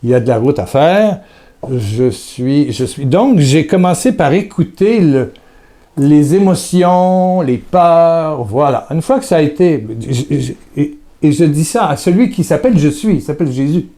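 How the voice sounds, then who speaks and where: Mellow-voiced man giving a hesitant devotional talk. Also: a little high, expressive, a little slow. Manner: hesitant, repeats words, speaks intimately to the listener.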